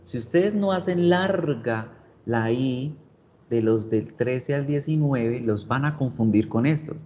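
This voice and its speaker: A man teaching English in a slow, patient way, laying out each point carefully for his students. His voice comes through dull and lo-fi, with faint noise in the background. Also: medium pitch, a little mellow. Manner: slow, patient, explains step by step. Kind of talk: online class explanation.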